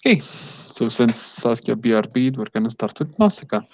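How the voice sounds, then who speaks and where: A man improvising narration as game master of a tabletop game, haltingly, searching for words. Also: medium pitch, expressive, slight background noise. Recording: echoey room, dull lo-fi sound.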